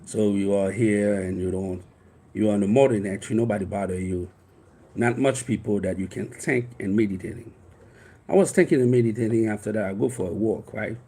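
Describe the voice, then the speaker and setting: This man from Haiti, in his fifties and a native Haitian Creole speaker, is a life coach recounting something personal in an earnest, meandering way, often starting over. He speaks a little fast in a fairly low, warm, breathy voice with a Haitian accent.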